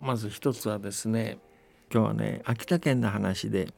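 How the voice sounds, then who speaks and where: A man on a radio show, chatting casually and then narrating a folktale in a gentle, unhurried way. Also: on the low side, steady tone, gravelly. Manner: gentle, unhurried conversational telling.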